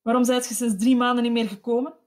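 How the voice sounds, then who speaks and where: A woman voicing a violent, enraged male peasant husband in a dramatic audiobook reading, cursing and shouting. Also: on the high side, flat delivery, quick pace, close to an everyday voice. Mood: bewildered.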